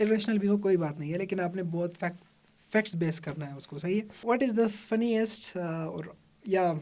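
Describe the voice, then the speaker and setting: A man's voice: high voice, darkish tone. A man hosting a casual podcast interview, chatty and mixing English words into his questions. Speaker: podcast host.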